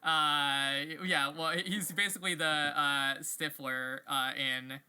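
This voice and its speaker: Bright, crisp-voiced man rambling wryly. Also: a little high, fairly even intonation, slow. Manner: rambling, filler-heavy, wry. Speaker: podcast co-host. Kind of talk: casual chat.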